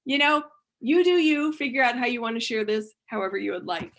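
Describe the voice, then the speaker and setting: A woman's voice: on the high side, animated, brisk, fairly bright tone. A woman giving a workshop presentation, earnest and thinking aloud, with frequent restarts and repeated words. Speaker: conference speaker.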